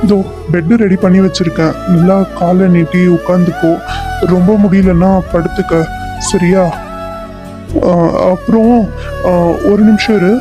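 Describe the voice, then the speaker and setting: A man voicing an obsessive young male kidnapper in a cartoon serial, who fusses softly over his captive. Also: high voice, fairly even intonation, measured pace, pauses often, music in the background. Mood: doting. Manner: soft, fussing, over-attentive. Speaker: cartoon character.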